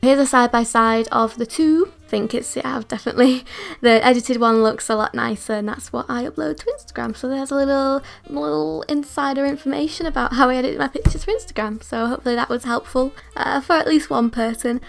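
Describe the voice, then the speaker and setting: A young woman from northern England chats about her art as a vlogger, casual and self-deprecating, speaking fairly quickly. Her slightly high voice sounds gravelly and croaky because she's just woken up and is wearing retainers.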